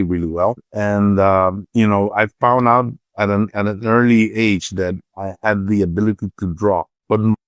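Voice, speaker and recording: Speaking with a Salvadoran accent, this middle-aged artist and entrepreneur responds to interview questions in a conversational way. He tends to repeat words as he hunts for the right phrasing. His voice is fairly low, and the recording has no room sound.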